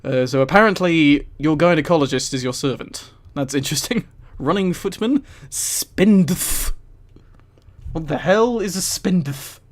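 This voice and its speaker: Reading a book aloud to his live chat, a streamer on a headset mic speaks in a voice a little high for a man. He's unhurried and informal with his viewers, wandering into amused, giggly, rambling asides.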